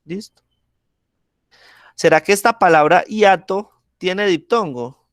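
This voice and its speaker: Male teacher, slow and patient, slightly high voice, checks in constantly, dry close sound. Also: fairly bright tone, no room sound. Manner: keeps checking in with the class, asking ¿listo? and ¿sí?; patient, explains step by step with examples. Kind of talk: online class lesson.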